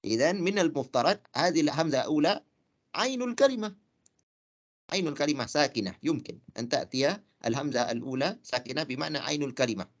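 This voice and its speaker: A man teaching Arabic grammar in a lecture. He talks haltingly, with many fillers, and repeats words slowly. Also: a little high, expressive. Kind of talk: classroom lecture.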